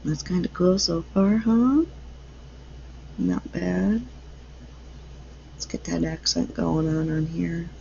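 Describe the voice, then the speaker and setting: A man talks through his wire-wrapping at a home workspace, unhurried and thinking aloud as he works. His voice is gravelly, and he speaks at a slow pace. The recording is dull and lo-fi, with faint background hiss. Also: sits high, warm tone. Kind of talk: casual craft follow-along narration.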